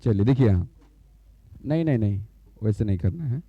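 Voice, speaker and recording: A man with a lowish, husky, animated voice teaches a school maths class at a fairly quick pace, slowly explaining things on the blackboard. Each term gets repeated, and he constantly asks whether the class understands. The dull, lo-fi recording has no room sound.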